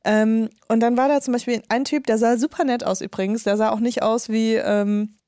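A woman in her thirties co-hosting a podcast, telling a story in animated casual chat and swearing freely. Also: fairly high pitch, normal speed, no echo, clean studio sound. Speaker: podcast co-host.

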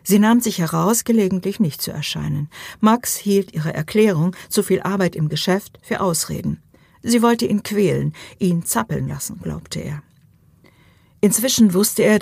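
A woman narrating an audiobook in a calm, even storytelling manner. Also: on the low side, vocal fry, slightly rough, no room sound, studio quality. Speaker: audiobook reader.

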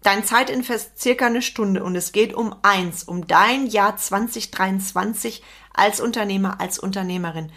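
A middle-aged woman delivers a motivational podcast monologue for entrepreneurs. She speaks straight to the listener with emphasis, circling back to repeat her main points. Her voice sits at an ordinary middle pitch. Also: normal speed, fairly bright tone. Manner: emphatic, repeats key phrases, addresses listener directly. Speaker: podcast host and business coach.

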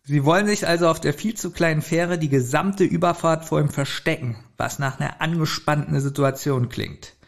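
A man co-hosts a podcast, retelling a story's plot and critiquing it in an informal review chat. His voice is a little high and gravelly, at a normal speed with few pauses.

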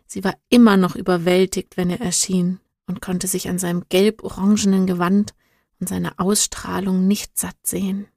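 A woman reading a storybook aloud in a calm, measured storytelling manner. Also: on the low side, gravelly, no room sound, clean studio sound. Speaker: narrator.

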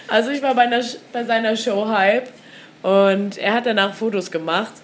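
A young woman co-hosting a podcast, telling stories in a giggly, excitable way. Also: on the high side, a little slow, a little hiss or hum. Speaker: podcast co-host. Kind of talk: casual chat.

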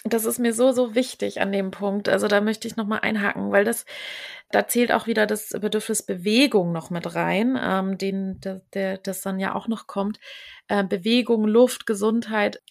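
Woman host, gravelly voice, earnest, keeps repeating words while she thinks. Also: medium pitch, fairly even intonation, moderate pace. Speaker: podcast host. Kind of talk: casual conversation.

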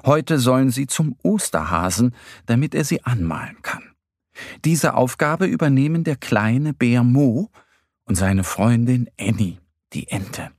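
A man reads a children's story aloud, slowly and gently, letting his voice rise and fall with a lot of expression. His tone is a little husky, and the recording is close and dry. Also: medium pitch, expressive, no echo. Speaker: narrator.

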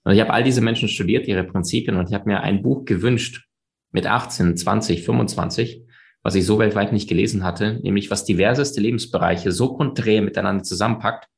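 A man with a low, gravelly voice talks at length as a guest in an interview. He speaks emphatically and expansively, piling up fillers and restarts as he goes. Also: fairly quick. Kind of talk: conversational interview.

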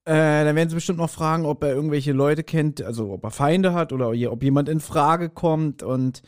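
On the high side and fairly quick, this man's voice has a darkish yet clean tone. As a podcast co-host chatting casually, he speculates about an audio drama with teasing, playful self-assurance.

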